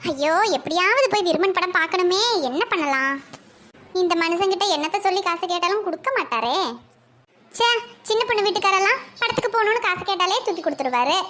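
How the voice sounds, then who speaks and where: A woman's voice: extremely high pitch, expressive, fast, pushed and bright, full character voice. A woman voicing a scheming young cartoon housewife with a Kanyakumari Tamil accent, fretting and muttering to herself. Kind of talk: cartoon voice acting.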